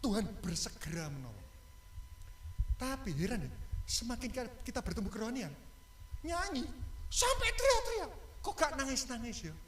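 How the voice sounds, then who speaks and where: Animated high-voiced preacher, echoey church. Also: male voice, normal speed, pauses often, slight background noise. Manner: animated, joking with the congregation, asks them questions. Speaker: pastor. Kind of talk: sermon.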